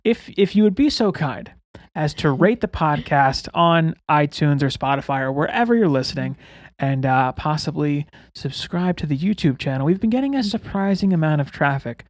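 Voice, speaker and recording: A man's voice: on the high side, animated, moderate pace, no echo, studio quality. A man hosting a podcast in casual, chatty style, with whistling S sounds when he speaks. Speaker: podcast host.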